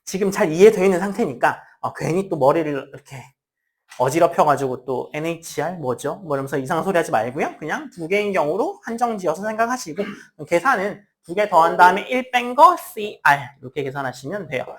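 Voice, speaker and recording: A woman's voice: lowish voice, fairly quick. A woman teaching a math class, explaining with everyday examples and casually acting out what students say. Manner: lively, talks to students in casual speech, acts out student lines. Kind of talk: classroom lecture.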